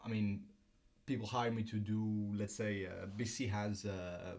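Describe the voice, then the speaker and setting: In a relaxed interview, a young filmmaker from Greece, there as a student guest, speaks a little slowly in a lowish, somewhat dark voice with little pitch movement. He fills his answers with ums and often starts over.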